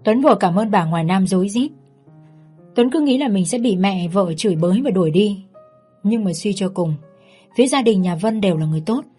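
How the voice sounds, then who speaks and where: A woman narrating a family drama story in a steady, heartfelt reading. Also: medium pitch, a little fast, slightly rough. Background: faint background music.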